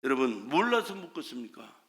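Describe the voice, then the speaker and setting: A man preaching a sermon as pastor, with impassioned delivery that swings from shouted cries to hushed, quiet lines. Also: mid-range voice, sing-song, a little fast.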